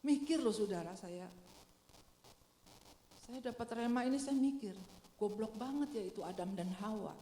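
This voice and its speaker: A woman pastor giving a lively, colloquial sermon, acting out little quoted voices. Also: medium pitch, moderate pace, pauses often, a little hiss or hum. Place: large church hall. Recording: echoey church hall reverb.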